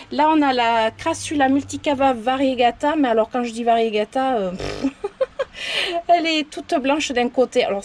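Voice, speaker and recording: Chatty woman, slightly high voice. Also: darkish tone. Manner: rambling, often unsure of plant names. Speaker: plant vlogger. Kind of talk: casual show-and-tell tour. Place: outdoors among potted plants.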